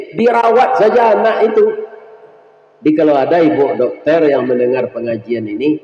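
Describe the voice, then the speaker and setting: Male preacher, Minangkabau accent, humorous sermon: lively, talks to the congregation, higher voice, echoey hall. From West Sumatra. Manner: lively storytelling that jokes and talks directly to the congregation. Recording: dull lo-fi sound, echoey hall.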